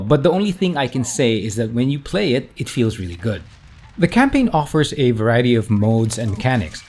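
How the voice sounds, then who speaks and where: A man's voice: medium pitch, darkish tone. Male game reviewer, mid-range voice, casual conversational voice-over with self-corrections.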